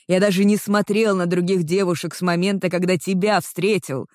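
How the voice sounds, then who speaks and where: A reader voicing an earnest young man in love in an audiobook, speaking slowly and sincerely. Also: mid-range voice, steady tone, no echo, clean studio sound, lightly acted. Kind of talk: audiobook character reading.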